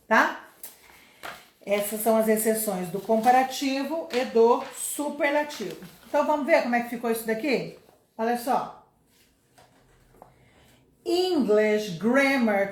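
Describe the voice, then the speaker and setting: A woman's voice: on the high side, roomy sound. A middle-aged woman teaching an English lesson, explaining patiently step by step and checking in with her viewers.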